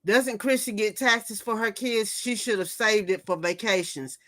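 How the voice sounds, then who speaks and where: Fifty-something lady gossiping on her stream, reads comments out loud, takes her time, bright voice. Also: mid-range voice, measured pace. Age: 50s. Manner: gossipy, reads viewer comments aloud and reacts. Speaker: livestream host. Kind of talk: casual chat.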